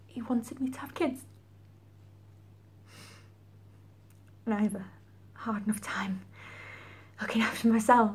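A woman in her twenties playing a grieving, volatile young widow in a dramatic monologue, sorrowful and halting, with heavy pauses. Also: on the high side, darkish tone, slightly rough, exaggerated voice. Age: 20s. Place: small room at home, indoors.

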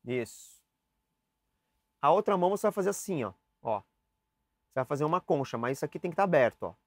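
A man's voice: fairly high pitch, big pitch swings, a little fast, no echo, studio quality. A young man teaching saxophone basics in a casual, chatty way, demonstrating and talking straight to the viewer. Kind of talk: casual instructional lesson. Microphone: camera mic, switching cameras.

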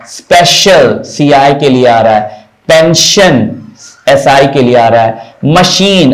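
A man teaching English pronunciation in Hindi, slowly repeating each word to drill the sounds. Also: mid-range voice, poor audio.

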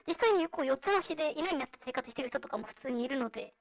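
A presenter speaks in a high feminine voice run through a voice changer, with a synthetic, vocoder-like girlish tone. The delivery is quick and very animated, explaining slides conversationally. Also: gravelly, recorded from a distance. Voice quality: high, girlish, electronically processed. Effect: voice changer, processed into a high feminine voice. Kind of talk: presenting survey results with slides. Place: online virtual-reality venue.

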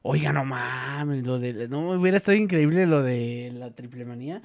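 A man's voice: mid-range voice, normal speed, gravelly. A young man with a Mexican accent, hosting a casual chat and telling stories in a joking, slangy way. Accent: Mexican Spanish. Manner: slangy, joking, animated storytelling. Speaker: vlog host.

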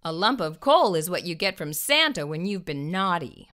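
This middle-aged storytime host has a lowish, slightly bright voice and delivers the tale at a moderate pace, very animated throughout. She stresses words with exaggerated flair and addresses the children listening directly. A lapel microphone captures her in a small furnished room.

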